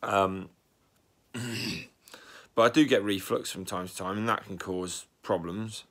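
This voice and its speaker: In this relaxed vlog, a young man lets his anxieties spill out in a slow, meandering way, now and then clearing his throat. His voice is fairly low and a bit bright with fairly level intonation, while a cold makes him sound congested and slightly raspy.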